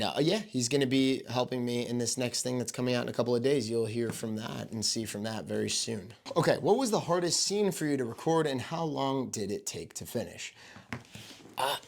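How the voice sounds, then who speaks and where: A man with a mid-pitched voice chats casually through a Q&A as a video creator. He rambles with informal enthusiasm and swears freely. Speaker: video creator answering viewer questions. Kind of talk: casual Q&A chat.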